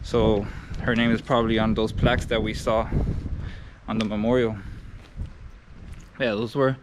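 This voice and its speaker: A man's voice: fairly low pitch, flat delivery, normal speed. A man in his thirties talking casually to his camera as he walks outdoors in the wind, as a travel vlogger. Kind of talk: casual walking travel vlog. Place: outdoors on hilly old village streets. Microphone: action camera held at arm's length. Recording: windy outdoor noise on action camera.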